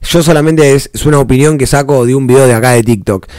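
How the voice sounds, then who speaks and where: Hosting a reaction video, an Argentine-accented man talks quickly in a mid-range voice that is clean and darkish, with no room sound. His casual commentary wanders, packed with slang and false starts.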